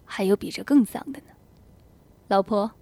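A woman's voice: medium pitch, moderate pace, mellow, dry recording, natural voice. Whispered role-play, teasing young husband voiced by a woman, coaxing murmur, dry close sound.

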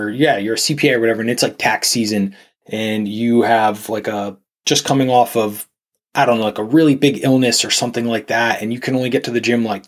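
A man, a nutrition coach guest on a podcast, talking casually and rambling with lots of fillers and restarts. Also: medium pitch.

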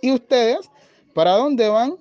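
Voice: medium pitch, lively intonation, slow pace, a little mellow, no room sound, pitched above the performer's own voice. A storyteller voicing a proud, boastful rooster in a children's tale, on a dull lo-fi recording.

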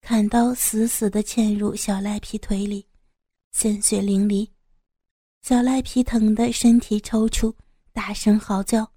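A woman narrating a gritty action story in a steady, vivid, suspenseful reading style. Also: mid-range voice, measured pace, breathy edge, dry recording, clean studio sound. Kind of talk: dramatic audiobook narration.

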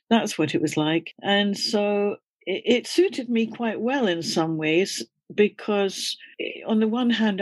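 An older woman from Scotland, a guest in an interview, reflecting on her life in an unhurried storytelling way. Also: fairly low pitch, no room sound. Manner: reflective, storytelling, slight laughs. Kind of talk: conversational interview.

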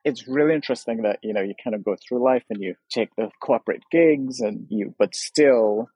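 A man's voice: medium pitch, normal speed, mellow, husky, no room sound, low-quality recording. A man in his fifties, speaking as a guest in an interview and reflecting earnestly, with frequent "sort of" and "you know". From Trinidad. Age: 50s. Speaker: guest artist.

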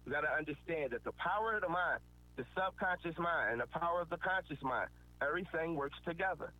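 A man's voice: fairly high pitch, animated, quick pace. Earnest man on a tinny line. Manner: earnest, preachy, repetitive emphasis. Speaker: motivational speaker. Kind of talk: motivational talk. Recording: tinny phone-like line with faint noise.

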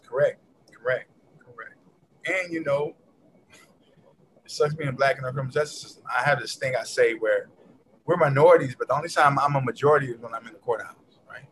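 A man's voice: medium pitch, a little fast, pauses often, a bit bright, slight background noise, poor audio. A man, a defense lawyer, talking about his clients in a casual chat and often repeating his words as he explains.

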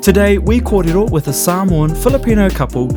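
A man from New co-hosting a podcast, introducing the show and guests in a relaxed way with short encouraging interjections. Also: high voice, brisk. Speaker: podcast co-host. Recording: speech over prominent background music.

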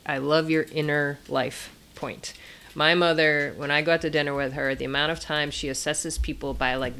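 Low-voiced woman host, chatty. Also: creaky, a bit bright, clean tone. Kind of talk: casual interview chat.

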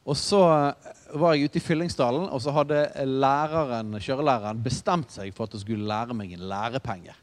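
A man gives a sermon in an easygoing, conversational way, weaving in personal stories and asides. His voice sits at an ordinary middle pitch. The sound rings with the long reverb of a large hall. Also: hardly any pauses. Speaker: preacher.

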